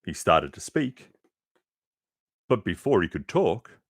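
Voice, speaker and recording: Slow, expressive storybook reader, low voice. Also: male voice, no echo. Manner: expressive, unhurried storytelling with asides. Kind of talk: reading a children's book aloud.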